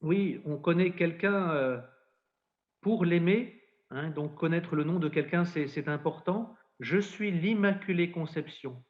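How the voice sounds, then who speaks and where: A man's voice: a little high, a little slow. A man, a priest, tells a story in a podcast conversation at length, bringing quotes to life. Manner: narrates at length, acts out quotes. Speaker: priest and spiritual adviser. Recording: dull lo-fi sound.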